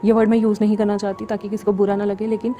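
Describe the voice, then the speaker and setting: A woman's voice: medium pitch, flat delivery, very fast, warm tone, a little hiss or hum. A woman hosting her story channel, talking casually and frankly to viewers and scolding a pushy fan. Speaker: channel host and story narrator. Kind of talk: casual direct address to viewers.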